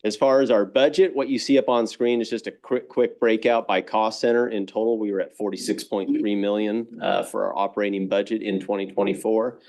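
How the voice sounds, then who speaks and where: A middle-aged fire chief with a fairly low voice walks a city council through his numbers. He talks briskly and plainly, the way someone does when he has promised to keep it short. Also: fairly even intonation, a little mellow. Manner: brisk, plain-spoken, figures-heavy. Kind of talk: public presentation. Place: council chamber.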